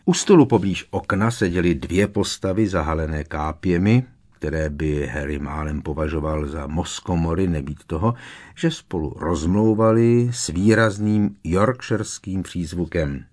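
A man narrating a fantasy novel as an audiobook in a steady, measured storytelling manner. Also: sits low. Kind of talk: scripted narration.

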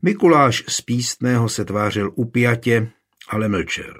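A man narrating a historical audiobook in a measured, steady way. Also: mid-range voice.

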